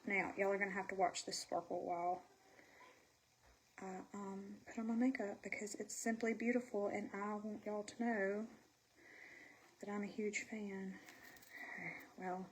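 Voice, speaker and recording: A woman's voice: medium pitch, steady tone, normal speed, pauses often, a little hiss or hum, poor audio. A woman with a Southern US accent and a stuffy, congested voice, chatting casually on a livestream in a folksy, self-deprecating way. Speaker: livestream host selling makeup. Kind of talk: casual livestream chat while doing makeup.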